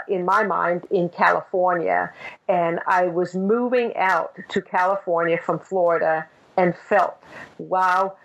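Hesitant woman, low voice. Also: low-quality recording. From Denmark. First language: Danish. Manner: halting, many hesitations and restarts. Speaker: podcast guest. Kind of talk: reflective storytelling.

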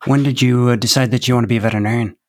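Man hosting, measured formal intro. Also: mid-range voice, steady tone, a little mellow. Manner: measured, reading a formal bio. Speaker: podcast host. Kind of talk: scripted introduction and interview questions.

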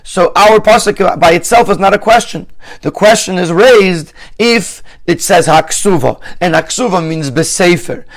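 A man's voice: high voice, normal speed. Man methodically teaching a Rashi lesson. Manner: methodical, numbered questions, frequent restarts. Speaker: Torah teacher.

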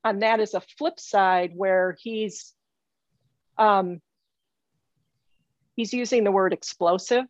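A woman's voice: mid-range voice, steady tone, takes it slowly, long pauses, no echo, muffled recording. A woman giving a psychic reading over a remote call, earnest and insistent, often stopping and repeating her phrases. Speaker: psychic medium.

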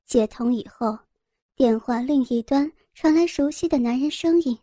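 A woman reading a scripted story as narrator, in a steady, even manner. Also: high-pitched, moderate pace, no echo, studio quality. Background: faint music.

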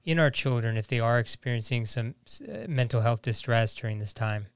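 A man with a smooth, resonant voice asks earnest, measured questions as an interviewer. His voice sounds dry and close, with a mid-range pitch. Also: no room sound.

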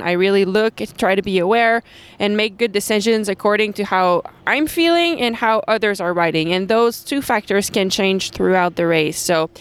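A woman's voice: mid-range voice, clear, resonant tone. A woman who races bikes, hosting in a casual, conversational style. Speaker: host and bike racer. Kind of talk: casual race recap and interview.

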